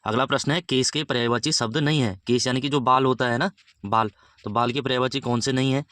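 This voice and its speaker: A man's voice: medium pitch, steady tone, quick pace, fairly bright tone, dry recording, clean studio sound. A man teaching a Hindi grammar lesson for exam prep, explaining step by step and often checking in with "है ना". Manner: explains step by step, keeps adding "है ना".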